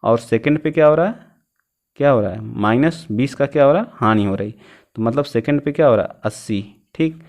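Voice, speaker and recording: A male math teacher giving an exam-prep lesson, who keeps asking the class questions and answering them himself, reading numbers out slowly as he works. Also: mid-range voice, animated, a little mellow. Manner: reads out numbers slowly while working them out.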